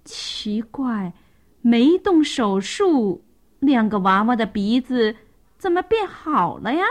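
A woman's voice: on the high side, sing-song, slow pace. A woman voicing a bumbling, dizzy male bear doctor in a children's story. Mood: puzzled.

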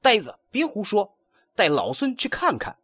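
A man voicing a brash, cocky male monkey king who pleads and boasts in high, strained cries. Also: huge pitch swings, moderate pace, fairly bright tone, dry recording, exaggerated voice. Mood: boastful.

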